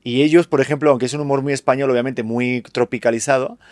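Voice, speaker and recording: Presentador español, grabación seca. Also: male voice, medium pitch, steady tone, quick pace, dry recording. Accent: Spanish. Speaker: podcast host. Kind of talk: casual podcast interview.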